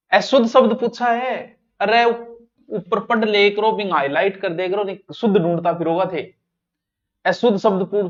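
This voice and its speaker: A male teacher with a Rajasthani accent giving an exam-prep grammar lesson, talking straight to his students and swinging between loud and soft. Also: high-pitched. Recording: dull lo-fi online class audio.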